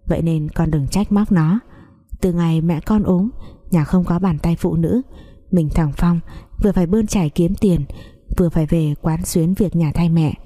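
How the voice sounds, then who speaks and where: A woman's voice: lowish voice, mellow, natural voice. A woman voicing a grieving old stepfather. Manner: halting, sorrowful explaining. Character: grieving older stepfather, weary and gentle. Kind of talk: storytelling.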